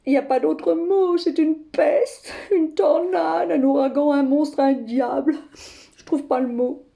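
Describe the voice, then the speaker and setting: An exasperated older grandmother, played by a woman, rants down the phone with dramatic flair, tagging nearly every phrase with a questioning "hein". Her voice sits high but sounds mellow and dark in tone, with a gravelly, creaky edge. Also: fairly even intonation, measured pace. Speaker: comic monologue performer. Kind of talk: one-sided phone call sketch.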